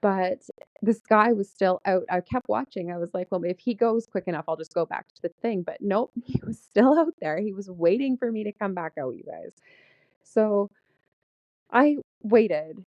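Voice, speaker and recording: A woman in her thirties, a vlogger telling a story in casual chat, animated and laughing often as she talks. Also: mid-range voice, moderate pace, no room sound, muffled recording.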